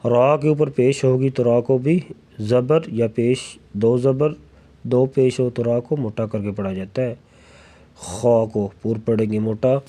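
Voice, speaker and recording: A man teaching a recitation lesson who chants verses slowly and explains the rules quickly in a low voice. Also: steady tone, warm tone. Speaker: Quran tajweed teacher. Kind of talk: tajweed lesson, slow melodic recitation alternating with rapid explanation.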